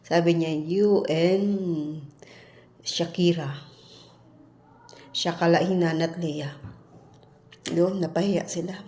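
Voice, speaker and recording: A Filipina domestic worker living abroad tells a story in a casual vlog, speaking bluntly and acting out the arguments she quotes. Her voice sits on the low side and moves slowly with long pauses. The room she's in is echoey.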